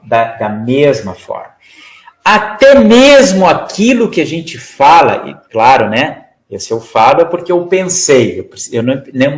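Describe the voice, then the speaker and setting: This is a spiritist study talk led by a male lecturer whose medium-pitched voice sounds roomy on a rough recording. His style is instructive: he acts out example phrases and frequently tacks on "né?"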